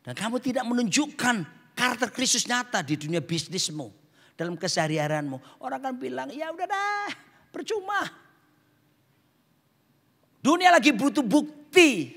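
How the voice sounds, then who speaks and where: Male pastor preaching, high lively voice, big echoey church hall, soft music underneath. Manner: dramatic, playful preaching with sudden loud bursts and hushed asides. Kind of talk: sermon.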